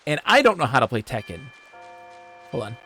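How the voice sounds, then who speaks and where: A man from Michigan, livestreaming, who tells animated, swear-laced stories and reads chat aloud. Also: medium pitch, a little fast, slightly rough, soft background music. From Michigan, USA. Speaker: streamer. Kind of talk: casual storytelling while livestreaming a game.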